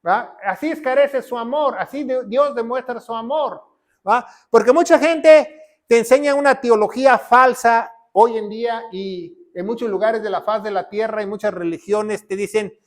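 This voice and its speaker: A man preaches emphatically in a strikingly high voice. He swings between loud declarations and quiet, low lines. He keeps checking in with his listeners through short tag questions. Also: moderate pace. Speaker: pastor. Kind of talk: sermon.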